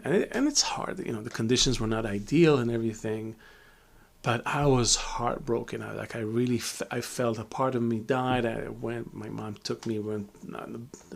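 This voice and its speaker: Middle-aged man from Israel, reflective teacher in a live Q&A, halting and full of restarts, mid-pitched voice. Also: gravelly. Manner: reflective, many fillers and restarts. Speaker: Kabbalah teacher. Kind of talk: live Q&A talk.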